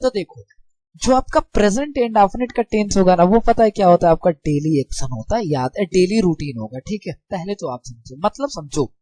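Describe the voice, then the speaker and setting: A man's voice: high-pitched, lively intonation, normal speed, mellow. A young man teaching a grammar lesson in a casual, friendly way. He keeps asking rhetorical questions and checking that his students follow. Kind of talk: casual classroom explanation.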